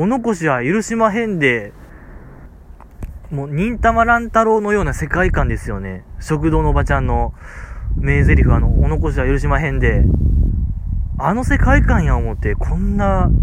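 A man's voice: fairly high pitch, noisy background. A man with a Kansai accent who tells a casual story on a podcast, rambling with many fillers. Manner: rambling, filler-heavy, amused. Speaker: podcast host.

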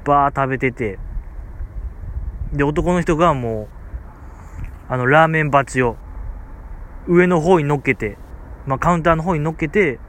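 A man's voice: on the high side, moderate pace, pauses often, fairly bright tone, slight background noise. A man with a Kansai accent who tells a casual story on a podcast, rambling with many fillers. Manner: rambling, filler-heavy, amused. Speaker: podcast host.

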